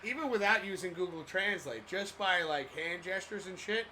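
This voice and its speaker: A man's voice: high voice, expressive, moderate pace, bright, forceful tone, a little hiss or hum. A man co-hosting a live sports stream, chatting casually and rambling with lots of fillers while reading out viewer messages. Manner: loose and rambling, many fillers and restarts.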